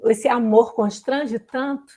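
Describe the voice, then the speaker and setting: A woman talks through a personal testimony in a Bible study class. Her voice sits a little high but has a mellow tone, and she speaks earnestly and confidingly, often tagging her sentences with little fillers. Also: steady tone, takes it slowly. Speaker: Bible study group presenter.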